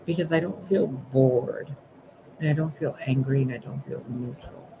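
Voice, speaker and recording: In a dull lo-fi recording with clear background noise, a spiritual sign reader addresses the camera in a casual vlog. His voice is medium-pitched at normal speed as he rambles, curses freely, and vents about his day.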